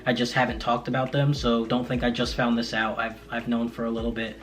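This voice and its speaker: A man's voice: medium pitch, completely flat delivery, brisk, fairly bright tone. A man in his late twenties, talking to camera in a casual vlog, candid and reflective with frequent fillers. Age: 20s. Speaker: content creator.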